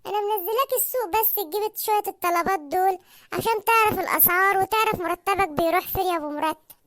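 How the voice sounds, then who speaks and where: A very high, squeaky cartoon housewife, played by a woman scolds her husband in rapid Egyptian Arabic. She is sharp-tongued and teasing, firing off quick sarcastic retorts at a brisk clip. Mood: mocking. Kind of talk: cartoon comedy voice acting.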